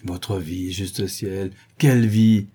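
A man's voice: low-pitched, steady tone, slow pace, dark tone, husky, exaggerated voice. A man voicing a bitter male chemist who speaks coldly and with contempt. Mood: contemptuous. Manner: cold, contemptuous.

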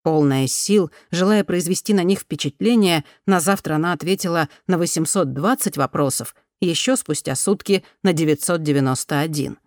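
A woman narrating an audiobook in a calm, even storytelling manner. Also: deep voice, moderate pace, hardly any pauses, no room sound, clean studio sound. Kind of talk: scripted narration.

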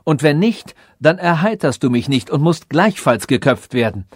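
A man's voice: fairly high pitch, very animated, moderate pace, no room sound, clean studio sound. A man voicing a cruel robot king who mocks his sage and orders executions, in an audiobook reading. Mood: scornful. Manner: mocking, scornful and commanding.

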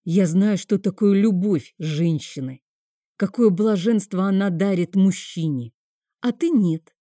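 A woman's voice: medium pitch, unhurried, dark tone, no echo, studio quality, lightly acted. A woman voicing a bitter, sarcastic grieving man in an audiobook. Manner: bitter, biting.

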